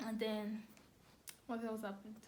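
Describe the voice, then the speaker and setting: Against a noisy background, a young adult woman with a Nigerian accent shares a personal story to camera. Her mid-range voice is monotone and measured in pace, though her telling is casual and expressive, with phrases repeated for emphasis. She is a vlogger and storyteller.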